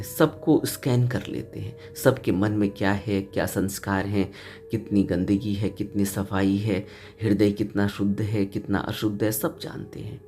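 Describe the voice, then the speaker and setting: This is a Hindi dharma discourse: a man sincerely retells a Buddhist teaching tale, lifting his pitch for the main points and repeating phrases for emphasis, with gentle flute music in the background.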